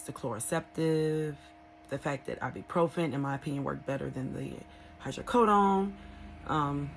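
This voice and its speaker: A woman talking casually and candidly in an unscripted personal vlog, rambling a little with hesitant pauses. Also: low-pitched, a little hiss or hum, rough recording. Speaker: vlogger sharing a recovery experience.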